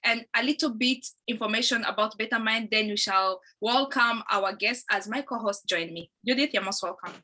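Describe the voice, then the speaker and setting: Bright-voiced woman hosting an online talk. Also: fairly high pitch, moderate pace, few pauses. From Congo, grew up in Uganda. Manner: rambling, repeats herself and self-corrects. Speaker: host. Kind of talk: online program introduction.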